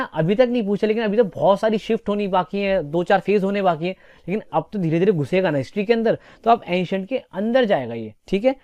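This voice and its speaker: A man's voice: high-pitched, warm tone, dry recording. A young man teaching exam preparation topics in a casual, chatty lecture style, often checking in with his students. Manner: chatty, repeats "theek hai" often.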